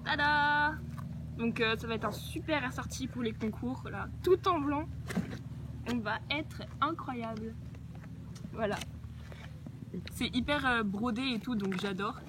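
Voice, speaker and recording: Chatty young woman, high voice, outdoor noise. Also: a little slow, pauses often. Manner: chatty, enthusiastic, many fillers. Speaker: equestrian vlogger. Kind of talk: casual unboxing chat. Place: outdoors near horses. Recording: noisy outdoor ambience.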